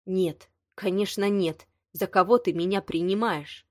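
A woman's voice: lowish voice, moderate pace, no room sound, studio quality, natural voice. A woman reading a blunt, hot-tempered young man. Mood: heated. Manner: blunt, sharp, exasperated. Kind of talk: audiobook dialogue reading.

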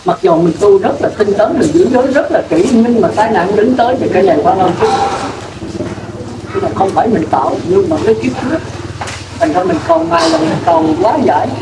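A man's voice: high-pitched, expressive, a little fast. A Buddhist monk giving a sermon in a plain-spoken way, putting questions to his listeners. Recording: roomy, distant mic with clear noise.

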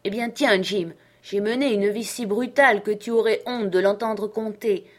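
A woman voicing Ben Gunn, a hoarse, half-mad old male castaway who talks eagerly and wheedles. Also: medium pitch, fairly even intonation, moderate pace, lightly acted. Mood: wheedling. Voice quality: hoarse, creaky.

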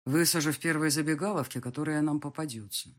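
A woman's voice: low voice, quick pace, close to an everyday voice. Woman reading a curt, domineering rich man. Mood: cold. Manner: curt and harsh.

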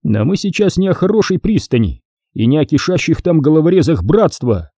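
A man voicing a stern, commanding imperial general in a dark, husky voice, reading an audiobook. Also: fairly high pitch, sing-song, a little fast, no room sound, studio quality, pitched above the performer's own voice. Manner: blunt, commanding orders.

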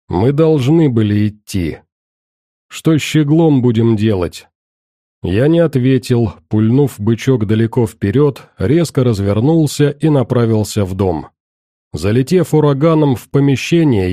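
Male narrator, grim measured first-person delivery, dark timbre, dead-dry booth. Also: mid-range voice, no room sound. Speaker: audiobook narrator.

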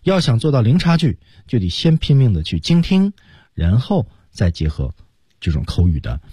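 A male English pronunciation teacher giving measured, explanatory feedback in a radio lesson, with frequent fillers. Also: medium pitch, wildly swooping pitch, warm tone, husky, dry recording.

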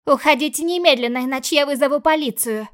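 Woman doing a high, anxious little sister. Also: fast talker, natural voice. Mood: defiant alarm. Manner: high, urgent, pleading. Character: frightened, protective young girl, the sister.

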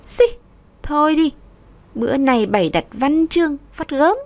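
A woman voicing a stubborn, sharp-tongued pregnant young woman who answers with brash, scornful retorts. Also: mid-range voice, animated, measured pace, no echo, natural voice.

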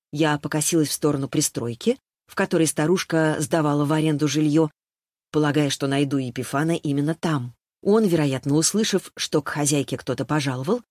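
A woman reading an audiobook in first person, with even storytelling narration. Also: low voice, no echo, clean studio sound.

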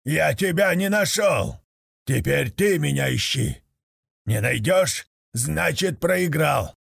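A man doing a greedy, domineering khan from a storybook, with a heavily gravelly voice. He drags every word out slowly and sits above the narrator's usual pitch. He barks his commands as if calling across a yard. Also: animated, a bit bright, dry recording, studio quality, exaggerated voice. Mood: shouting. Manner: slow, bellowing commands.

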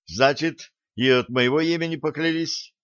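A man's voice: on the high side, moderate pace, a bit bright, no echo, highs cut off, pitched above the performer's own voice, close to an everyday voice. A man reading an audiobook, voicing a shy, grumbling teenage cabin boy. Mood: earnest. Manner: grumbling, earnest.

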